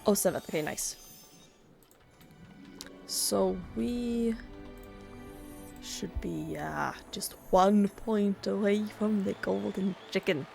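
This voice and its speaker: Chatty woman with a gravelly voice. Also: medium pitch, steady tone, slow pace, long pauses, a little mellow, faint music behind. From Sweden. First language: Swedish. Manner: chatty and rambling, full of "like" fillers. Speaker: gaming YouTuber. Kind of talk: casual gameplay commentary.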